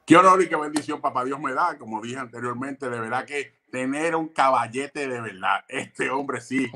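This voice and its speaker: Male podcast host, bright, eager voice, full of praise. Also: mid-range voice, normal speed, slight background noise. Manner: effusive, admiring, animated. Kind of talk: casual podcast interview.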